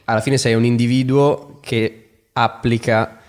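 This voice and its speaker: A man co-hosting a podcast, speaking in a reflective, steady way. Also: mid-range voice, a little slow. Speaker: podcast co-host. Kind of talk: casual conversation.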